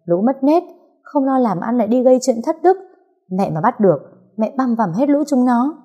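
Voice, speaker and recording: A woman voicing a frantic, emotional young mother in a storybook reading, loud, scolding and tearful. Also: fairly low pitch, expressive, normal speed, husky, muffled recording.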